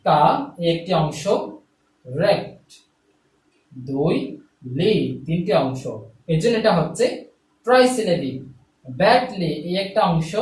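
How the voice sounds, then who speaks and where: A man's voice: sits high, a little mellow. A man from Bangladesh teaching an English lesson, patiently counting out word parts as he points at a board in a room with a ceiling fan. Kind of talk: classroom lesson explaining syllables. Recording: echoey room, from a distance.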